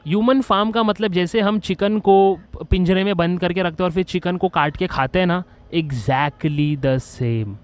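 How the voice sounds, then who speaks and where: A man hosting a video, explaining his ideas in an earnest, excitable way with lots of restarts and English phrases mixed in. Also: sits high, measured pace, hardly any pauses, clean tone. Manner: excitable, with frequent restarts and fillers. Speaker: video host. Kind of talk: casual explainer monologue.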